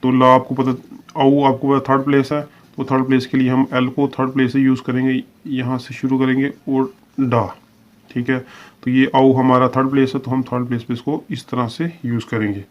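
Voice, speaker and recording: In a step-by-step video lesson on shorthand, a man with a mid-range voice speaks at normal speed in a level tone. He patiently explains each example, repeating phrases and drawing out the example words, on a dull, lo-fi recording.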